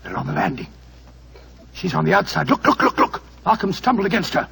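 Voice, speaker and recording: Fussy doctor sidekick, high creaky voice, loyal and anxious, old radio drama with noisy sound. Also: male voice, expressive, fairly quick, bright, forceful tone, exaggerated voice. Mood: agitated. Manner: fussy, exclamatory, stammering. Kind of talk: 1940s radio acting. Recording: noisy vintage radio recording.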